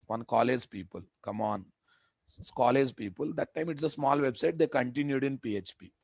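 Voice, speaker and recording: A man with medium pitch, vocal fry, and a slightly rough edge talks at normal speed without echo. He's a web development instructor with a Telugu accent in Indian English, delivering a live online lecture. He stresses points emphatically, repeats them, and often poses rhetorical questions to check in.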